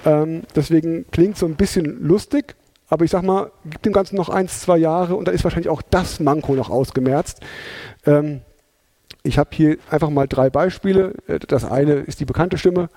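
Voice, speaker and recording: Mellow-voiced man giving a chatty talk. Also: a little high, normal speed, dry recording. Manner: chatty, many fillers and tag questions. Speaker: presenter. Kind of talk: conversational lecture.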